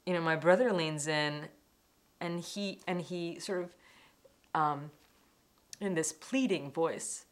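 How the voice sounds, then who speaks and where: A woman's voice: on the low side, slow pace, pauses often. A woman speaking candidly and reflectively in a documentary interview. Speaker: interviewee telling her story. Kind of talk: personal documentary testimony.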